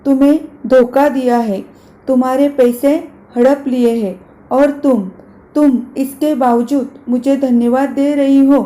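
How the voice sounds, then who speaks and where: A woman's voice: a little high, steady tone, slow, mellow. A woman reading as a stern stingy house master. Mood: angry. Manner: scolding, counting off deductions. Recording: echoey room.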